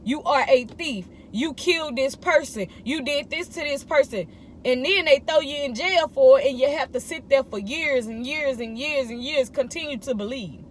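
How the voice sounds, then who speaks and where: A woman in her thirties with a high voice delivers a casual morning devotional. She speaks emphatically and repeats short phrases to drive her encouragement home. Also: moderate pace, a little hiss or hum. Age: 30s. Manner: emphatic, repetitive exhortation in informal speech. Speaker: vlogger giving morning encouragement.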